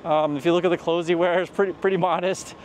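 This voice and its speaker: A man with a high-sitting voice talks fast and flat while vlogging on a street near traffic, with slight background noise. Walking outdoors, he gives earnest advice in a rambling way, restarting often.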